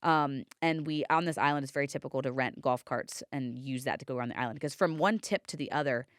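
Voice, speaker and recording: A woman's voice: a bass voice, quick pace, dry recording, clean studio sound. A young woman hosting a podcast, telling a travel story in casual chat and laughing at her own jokes. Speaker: podcast host.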